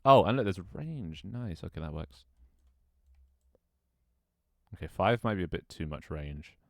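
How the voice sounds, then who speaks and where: A young streamer casually chats with his audience and mutters to himself as he sets up his game, rambling, restarting often and laughing. His low-pitched voice is animated and fairly quick, with vocal fry, and the studio-quality recording has no room sound.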